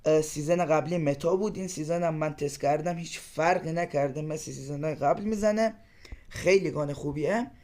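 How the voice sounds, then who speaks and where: A man casually walking through game weapon loadouts, listing items in a relaxed, quick way. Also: on the high side. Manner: relaxed, explains quickly in a list-like way. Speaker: gaming channel host.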